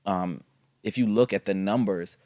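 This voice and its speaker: A man's voice: lowish voice, normal speed, a little mellow, dry recording, studio quality. A man co-hosting a casual podcast discussion, explaining his views in a thoughtful way with fillers. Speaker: podcast co-host.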